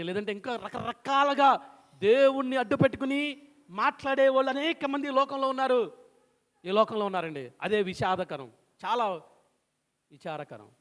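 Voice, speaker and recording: A man delivers a sermon with a high, lifted voice. He retells an old scripture story and acts out its voices, pressing the listeners with question after question. His words ring out in a church hall with a long reverb. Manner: retells scripture with acted quotes and rhetorical questions. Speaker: pastor.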